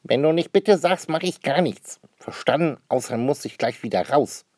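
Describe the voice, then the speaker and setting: A man's voice: fairly high pitch, expressive, moderate pace, a little mellow, no room sound, studio quality, voice pushed up. A man voicing a cheeky, stubborn little boy in a storybook reading, defiant and secretive.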